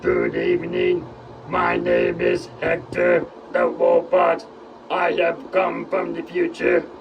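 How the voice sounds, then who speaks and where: A man putting on a robot voice for a male robot from the future, speaking slowly and stiffly. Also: high voice, wildly swooping pitch, vocal fry, recorded from a distance, muffled recording, a little hiss or hum, full character voice. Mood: stiff, formal. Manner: robot voice, slow and halting.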